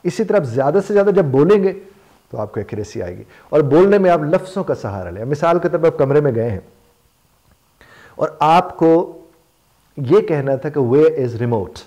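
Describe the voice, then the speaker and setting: A man's voice: a little high, sing-song, normal speed, long pauses, warm tone. A man gives a motivational lesson on spoken English, explaining with everyday examples and repeating phrases for emphasis. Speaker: life coach teaching spoken English.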